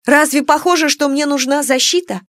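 A woman voicing an exasperated young student heroine with an indignant, sharp delivery. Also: high-pitched, moderate pace, dry recording, voice pushed up, lightly acted.

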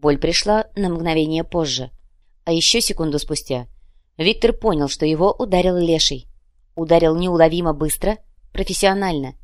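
A woman reading a tense audiobook in a measured way. Her voice sits low, and the recording is dry, with no room sound. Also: dry recording. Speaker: audiobook narrator. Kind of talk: dramatic audiobook narration.

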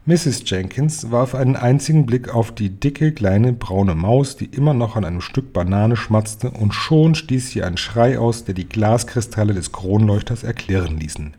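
A man reading a children's storybook aloud in a quiet narrating tone. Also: fairly low pitch, animated, moderate pace, hardly any pauses. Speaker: reader.

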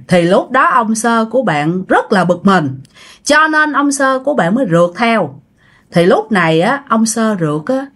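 A woman with a Southern Vietnamese accent tells a ghost story in a chatty, conversational way, often turning to address her listeners. Her pitch sits mid-range but moves in lively, animated swings.

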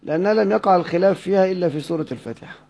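Mellow Egyptian man teaching a class. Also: high voice, very fast, gravelly. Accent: Egyptian Arabic. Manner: asks students questions and answers them himself, repeats key points. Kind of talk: recorded lecture explaining a text. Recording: dull lo-fi recording.

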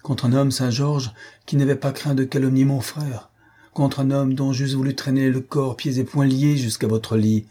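A man voicing an earnest young colonel who pleads urgently and proudly, with a husky, dark voice. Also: medium pitch, steady tone, normal speed, voice pushed up, natural voice. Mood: imploring.

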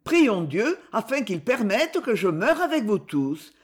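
A woman's voice: medium pitch, very animated, a little slow, husky, voice pushed up. A woman voicing a frightened, devout young woman who pleads and prays. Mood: pleading. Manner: pleading, tremulous.

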